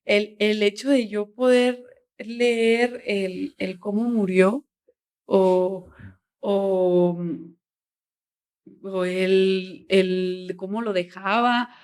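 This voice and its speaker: A woman guest on a podcast, telling her story in a casual, animated way and acting out bits of dialogue. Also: mid-range voice, extremely slow, smooth. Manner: animated storyteller, quotes dialogue, frequent "o sea", laughs often. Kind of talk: casual interview chat.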